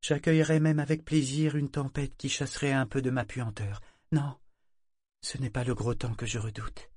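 A man's voice: medium pitch, little pitch movement, moderate pace, darkish tone, no echo, clean studio sound, pitched above the performer's own voice, natural voice. A man reading an audiobook voices a living female ship who pleads fearfully. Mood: wary.

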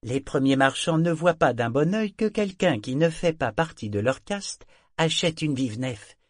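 A man's voice: a little high, lively intonation, a little slow, no room sound, studio quality, pitched above the performer's own voice. A man voicing a scheming male dealer who pushes hard to sell a ship, talking in a raised, eager, persuasive voice.

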